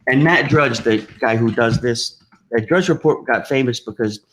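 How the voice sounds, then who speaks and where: A man's voice: medium pitch, normal speed, fairly bright tone. A man hosting a comedy podcast, talking in a rambling, opinionated way, swearing freely as he goes. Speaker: podcast host. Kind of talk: casual chat.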